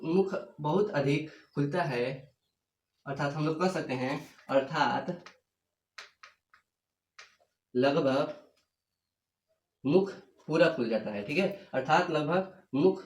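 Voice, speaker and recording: A young man gives a whiteboard grammar lecture, repeating himself and asking and answering his own questions, stretching out the sounds he demonstrates. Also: a little high. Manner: repetitive, asks questions and answers them himself; slow, drawn-out demonstration of sounds. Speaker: teacher. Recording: echoey room.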